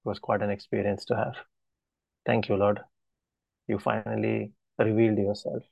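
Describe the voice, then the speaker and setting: Male preacher, mid-low gravelly voice; earnest, halting testimony; dull lo-fi sound. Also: little pitch movement, a little mellow, no echo. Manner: earnest, halting storytelling with restarts. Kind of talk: personal testimony in a sermon.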